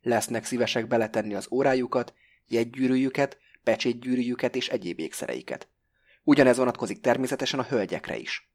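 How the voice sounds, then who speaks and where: A man voicing a calm, sardonic male hijacker who never raises his voice, in an audiobook. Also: mid-range voice. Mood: coolly mocking. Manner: level, sardonic, never raising the voice. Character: calm, mocking male hijacker, coolly menacing.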